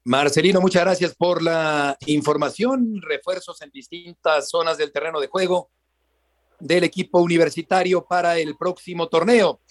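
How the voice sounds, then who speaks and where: Male Mexican sports radio host, high-pitched voice, live news presenting. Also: moderate pace.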